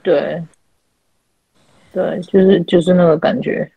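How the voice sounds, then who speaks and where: A woman's voice: lowish voice, steady tone, slow pace, gravelly, husky, no echo, narrow, tinny audio. A woman, hosting an online chat and animatedly retelling counseling sessions, acting out quoted dialogue. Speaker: podcast host and spiritual counselor. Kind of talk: casual chat, telling client stories. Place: online chat room call.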